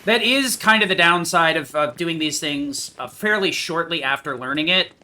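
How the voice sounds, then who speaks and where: A man's voice: on the high side, normal speed, pushed and bright. A man giving casual, rambling, matter-of-fact commentary on his own speedrun, picking at his own mistakes. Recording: clearly noisy home gaming recording.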